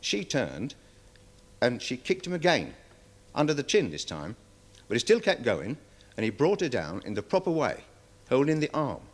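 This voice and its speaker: An actor playing a nervous, deferential security guard testifying in a 1970s television courtroom drama, rambling with many fillers. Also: male voice, mid-range voice, wildly swooping pitch, normal speed. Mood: worried, defensive. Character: nervous security guard witness, dog handler. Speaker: witness in court.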